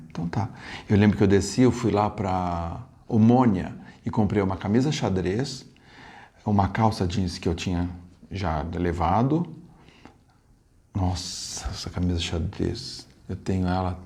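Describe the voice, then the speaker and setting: A man from Brazil telling a travel story to camera in a casual, animated way, with many asides and restarts. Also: fairly low pitch, vocal fry. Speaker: travel vlogger.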